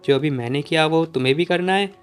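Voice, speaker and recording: A scheming young heroine from a comic recap, teasing and coaxing with sly questions, as a male narrator puts her on. The lines come fast and a little high, over faint music. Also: smooth, lightly acted. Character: teasing, scheming young woman, playful and bold.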